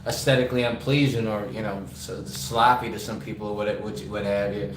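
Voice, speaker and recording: A man talking casually, tripping over and repeating his words. His voice sits at a middling pitch and is heard in an echoey room with a faint hiss behind it. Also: steady tone, a little fast. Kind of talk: casual chat.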